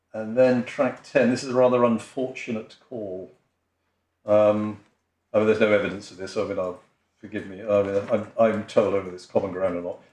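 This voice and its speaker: Addressing appeal judges in a large courtroom, an English male barrister delivers his legal submission haltingly, full of ums, false starts and apologies. His voice is on the low side with a darkish tone. The audio sounds roomy, with slight background noise.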